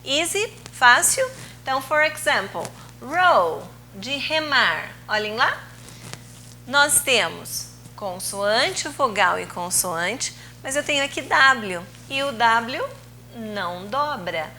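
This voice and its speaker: A woman teaching English in a recorded video lesson, explaining rules slowly and patiently, drawing out key words, with Portuguese as her first language. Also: a little high, lively intonation, bright, forceful tone, slight background noise, low-quality recording.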